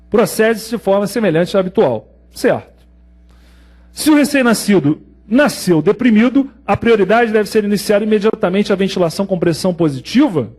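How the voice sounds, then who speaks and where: A man with a Brazilian Portuguese accent lectures on newborn care for an exam. His voice sits fairly high, and he teaches in a lively way, slipping into short acted scenes from the delivery room. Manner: lively storytelling, acts out scenes. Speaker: pediatrics lecturer. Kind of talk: exam prep medical lecture.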